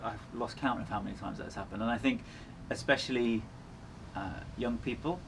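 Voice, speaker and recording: A man's voice: mid-range voice, normal speed. A man chatting casually as an interview guest, speaking in an earnest, reflective way. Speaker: endurance runner, interview guest. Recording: clearly noisy ambient background.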